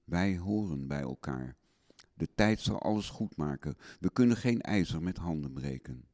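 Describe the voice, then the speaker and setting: A man's voice: sits low, expressive, normal speed, a little mellow. A young man recording a spoken letter on tape for his wife, tender, longing and melancholy.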